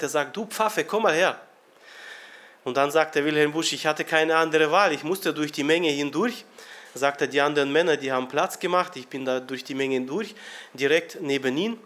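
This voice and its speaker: A man preaching to a congregation, retelling a story and acting out the shouted lines with a raised voice. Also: fairly high pitch. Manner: earnest, acts out quoted shouting with raised voice. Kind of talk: sermon storytelling.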